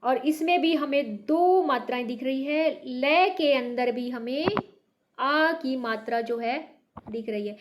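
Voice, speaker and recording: A high-pitched woman gives a beginner Hindi lesson at an unhurried, deliberate pace. She is from North India and patiently repeats each word, stressing the sounds so learners can follow. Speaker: Hindi teacher. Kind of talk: slow beginner language lesson.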